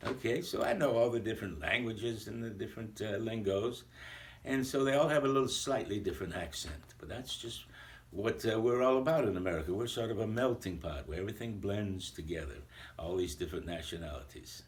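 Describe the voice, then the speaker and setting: A jolly old Santa Claus, played by a man, chatting in a rambling, playful way to a school full of children. His lowish voice swings up and down with plenty of life. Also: animated, a little fast, lightly acted. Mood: cheerful. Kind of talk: recorded video greeting to a school.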